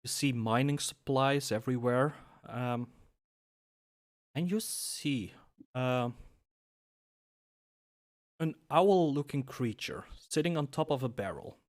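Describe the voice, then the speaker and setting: A man narrating a tabletop game as game master, pausing often with fillers. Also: medium pitch. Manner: measured, with frequent pauses and fillers.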